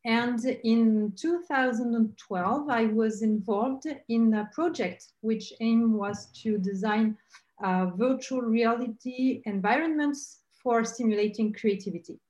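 A woman's voice: fairly high pitch, unhurried, a little mellow, lo-fi sound. French-accented woman with an echoey sound. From France. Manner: hesitant, many fillers and restarts. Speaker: guest researcher. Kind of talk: interview answer over a call.

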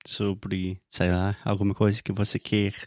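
A man's voice: on the low side, flat delivery, unhurried, a little mellow, no room sound, studio quality. A man co-hosting a podcast in casual conversation, often hesitating as he searches for words. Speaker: podcast co-host.

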